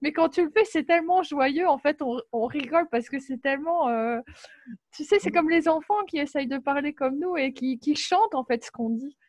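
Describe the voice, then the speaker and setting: Host, woman, chatty and bright-voiced, dry close mic. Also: sits high, moderate pace, no echo. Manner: chatty, reads out viewer comments. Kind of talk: casual live video chat.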